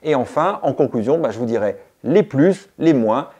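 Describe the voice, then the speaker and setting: A man's voice: mid-range voice, lively intonation, moderate pace, dark tone. A man hosting a cycling channel, giving a chatty gear review and explaining step by step to his viewers.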